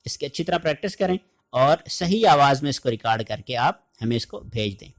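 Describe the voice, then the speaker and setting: A man teaching Quran recitation in an online lesson, explaining letter sounds and then reciting verses in a slow, drawn-out chant. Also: mid-range voice, animated. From Pakistan.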